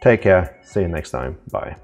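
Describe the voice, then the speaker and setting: A man with a very low, husky, creaky voice gives an unscripted software tutorial, taking the listener through each step. He speaks informally and haltingly but with lively intonation, and faint music plays behind him.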